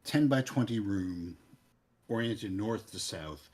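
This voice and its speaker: Male game master, very low husky voice, halting improvised narration of a fantasy scene. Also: animated, a little mellow. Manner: halting, searching for words.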